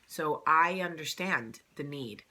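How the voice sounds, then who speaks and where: A vlogger addresses her camera in a casual, sincere manner, pressing her points, repeating phrases, and saying "um" often. Her voice sits low and sounds pushed and bright; she is expressive and takes it slowly.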